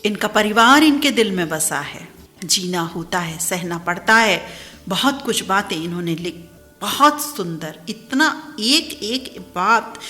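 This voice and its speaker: A woman's voice: medium pitch, fairly bright tone, in a large hall. Heartfelt woman radio host reading messages. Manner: heartfelt, repeats phrases for emphasis. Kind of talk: warm emotive radio talk, reading messages aloud. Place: radio studio.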